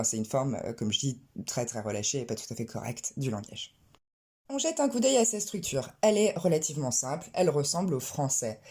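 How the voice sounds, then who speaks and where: Woman, English teacher, low voice, mellow, explanatory, models pronunciation. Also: husky. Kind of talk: online English lesson.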